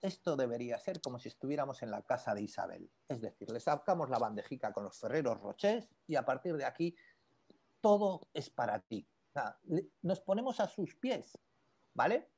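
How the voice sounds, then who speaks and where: A man teaching an online class on e-commerce, conversational and animated, constantly checking in with his students. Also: mid-range voice, moderate pace, breathy edge. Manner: conversational, peppers speech with "¿vale?"; animated, lively explanations with asides to students. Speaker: e-commerce instructor.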